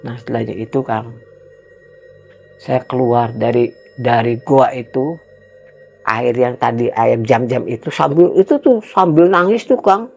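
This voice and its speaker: A man from Cirebon telling his own experience in a casual interview, earnest and emphatic, often halting and repeating words, his voice jumping up when he gets indignant. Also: mid-range voice, gravelly, darkish tone, faint music behind. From Cirebon, West Java, Indonesia.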